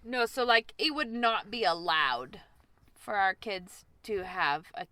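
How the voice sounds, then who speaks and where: A woman co-hosting a podcast in casual chat, chatty and quick to jump in with laughs. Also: medium pitch, lively intonation, bright, forceful tone, no room sound, poor audio. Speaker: podcast co-host.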